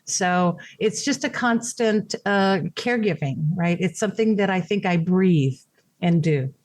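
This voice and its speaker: Her voice is medium in pitch, unhurried and a little mellow, with no echo in the recording. A middle-aged woman raised speaking Japanese, she is a podcast guest and caregiver. She shares her caregiving story in a reflective, conversational interview full of fillers and restarts.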